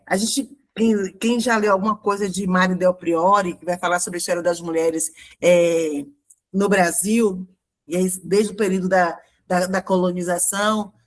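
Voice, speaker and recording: A Brazilian woman pastor with a mid-range voice and a Brazilian Portuguese accent preaches in a church. Her sermon style is conversational, full of fillers and rhetorical questions.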